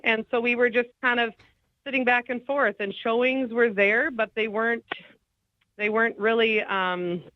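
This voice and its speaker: A woman's voice: fairly high pitch, fairly even intonation, moderate pace, no room sound, dull audio. A woman calling in to a radio show, telling her story plainly and candidly with some hesitations. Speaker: caller, former client. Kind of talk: phone-in interview. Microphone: phone line.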